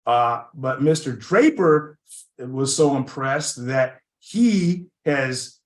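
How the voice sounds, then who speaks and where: A man's voice: mid-range voice, animated, slow pace. Effusive man hosting in a roomy space. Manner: effusive, rambling, repeats "oh my gosh". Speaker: podcast host. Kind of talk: interview host. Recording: roomy echo.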